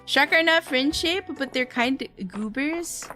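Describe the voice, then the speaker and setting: A woman's voice: sits high, slow pace, bright, forceful tone, faint music behind. A woman chatting casually on a gaming livestream as host, with a cute, bubbly anime-streamer delivery. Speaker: livestream host playing a video game.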